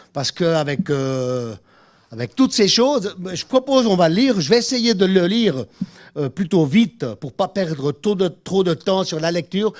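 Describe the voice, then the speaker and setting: A man whose first language is Spanish delivers a sermon in a church, reading scripture and adding relaxed, apologetic asides. His voice sits a bit high for a man and moves a lot in pitch. He talks at an unhurried pace. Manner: informal, apologetic asides and restarts while preaching. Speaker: preacher.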